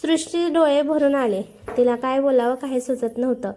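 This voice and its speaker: A woman narrates an emotional family story, acting out every character with feeling. Her voice is high and soft in tone, warm rather than bright. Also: moderate pace, slight background noise.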